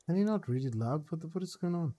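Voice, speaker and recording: A man with a mellow, dark voice reads game text aloud in a casual way. He trips over longer words, repeats them and starts again. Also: a little high, lively intonation, quick pace, lo-fi sound. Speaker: streamer reading a story game aloud.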